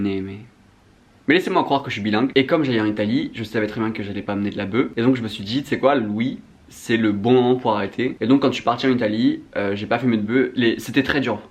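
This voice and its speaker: A young adult man with a French accent from France vlogs to his viewers, chatting candidly in a slangy, self-mocking, confessional way. His voice is lowish and the recording sounds muffled.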